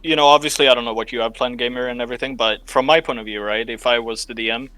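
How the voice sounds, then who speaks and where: A man's voice: mid-range voice, steady tone, fast talker, pushed and bright, no echo. A man playing a tabletop game, explaining his plans at length in a chatty way. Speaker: player.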